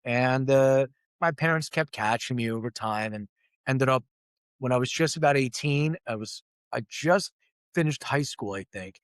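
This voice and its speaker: In a mid-range voice at normal speed, a middle-aged company CEO tells his life story as a guest in an interview. Originally from Lithuania and raised in Philadelphia, he is frank and self-mocking and acts out quoted voices. No room sound is audible.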